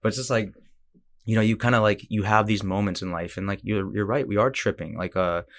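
A man's voice: lowish voice, a little fast. A man hosting a casual chat, telling stories animatedly and acting out the quotes, with lots of "like". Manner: animated storyteller who acts out quotes, many fillers like "like".

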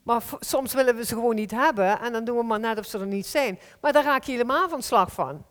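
A woman preaching a sermon to a congregation in a heartfelt, earnest way, slowing down to stress key phrases. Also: a little high. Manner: earnest, heartfelt, with slow emphatic stretches. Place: church hall. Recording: long hall reverb.

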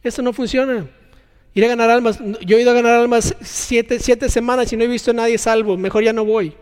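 A man preaching a sermon in an animated way, acting out scenes and making sound effects. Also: extremely high pitch, fairly quick, smooth, big-room sound.

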